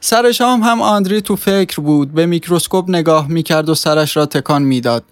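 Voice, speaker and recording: A male narrator reading a short story aloud with steady pacing, his voice a little higher than usual. The recording is dry and close. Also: clear, resonant tone, no echo. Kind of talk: scripted audiobook narration.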